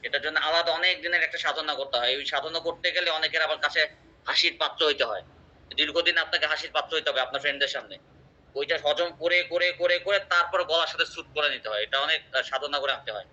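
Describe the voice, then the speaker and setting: A man's voice: a little high, fast, bright, forceful tone. A man teaching an English class, explaining with examples and quizzing his students. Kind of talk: online class lecture. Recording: muffled lo-fi audio.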